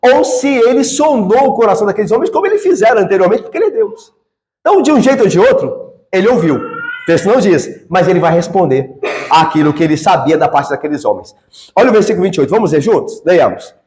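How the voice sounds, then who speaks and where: High, animated Brazilian pastor preaching. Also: male voice, fast, slight background noise. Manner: frequent rhetorical questions to the congregation. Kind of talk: expository sermon. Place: church.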